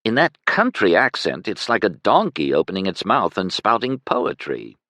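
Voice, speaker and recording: A dry, teasing spirit with a sly edge in her remarks, voiced by a man narrating a fantasy audiobook. The voice stays low and close, in a dry studio sound. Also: huge pitch swings, moderate pace, sharp tone, no room sound, heavily acted. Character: wry, teasing female spirit voice.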